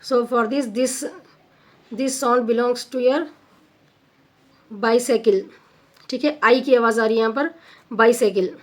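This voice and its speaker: A woman teaches a grammar lesson in a fairly high voice. She speaks at a slow, deliberate pace and draws out each example word. Quick asides break up her careful explanations. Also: fairly even intonation. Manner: switches between slow careful English and quick Hindi asides, stretching example words. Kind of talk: exam-focused grammar lesson.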